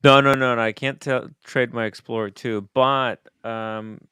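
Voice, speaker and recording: A man hosting a casual chat show in an excitable, sweary manner. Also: medium pitch, a little slow, a little hiss or hum. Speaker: podcast host.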